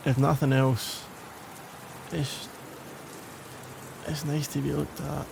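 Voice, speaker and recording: A Glaswegian man plays a wry, flirty, grumbly stranger in a chatty ASMR roleplay, teasing and self-deprecating. His pitch is medium with little movement, and he talks at a slow pace with vocal fry. The background is noisy.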